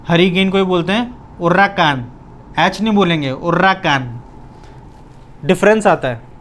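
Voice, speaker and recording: A male teacher with a fairly high voice walks through a pronunciation lesson at an unhurried pace. He says each word slowly and repeats it to drill it in. Now and then he poses a question and answers it himself. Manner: asks and answers his own questions. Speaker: language teacher.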